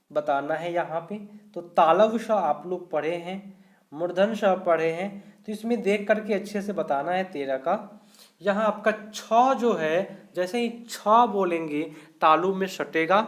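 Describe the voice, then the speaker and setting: A man teaching a live online grammar class, going through each question slowly and explaining every answer step by step. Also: high-pitched. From India.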